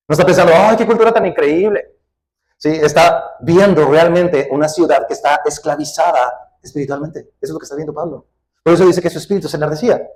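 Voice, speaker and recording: A middle-aged man, preaching a conversational verse-by-verse sermon, animated and full of questions to the listener. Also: on the high side, rough recording. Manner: animated, uses questions and acted quotes. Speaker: pastor teaching a Bible study.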